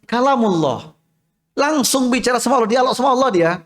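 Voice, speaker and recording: A man's voice: very high voice, expressive, a little fast, a bit bright. A man preaching a mosque sermon in a storytelling way, often asking the women listening questions and acting out quoted voices. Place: mosque hall. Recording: long reverb of a hall.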